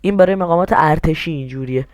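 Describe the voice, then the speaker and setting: A man's voice: a little high, clear, resonant tone, no echo, studio quality. A young man walking viewers through a strategy game step by step, asking himself questions and then answering them. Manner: explains step by step, asks and answers his own questions. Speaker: game tutorial host. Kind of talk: screen-recorded game tutorial.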